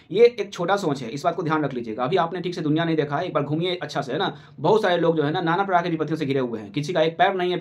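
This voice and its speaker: A male coaching teacher, giving an urgent motivational talk to exam aspirants and repeating his warnings. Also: on the high side.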